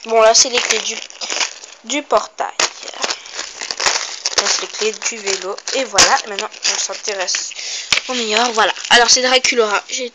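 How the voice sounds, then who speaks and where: A female vlogger in a casual show-and-tell home video who chats to viewers, mutters to herself while counting and often corrects herself. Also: a little high. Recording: noisy home recording.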